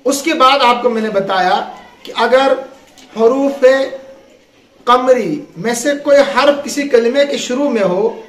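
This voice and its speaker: A man's voice: extremely high pitch, a bit bright. A man teaching an Arabic grammar lesson to a class, asking questions and having the students finish his sentences. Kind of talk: classroom lesson with call and response. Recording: echoey room.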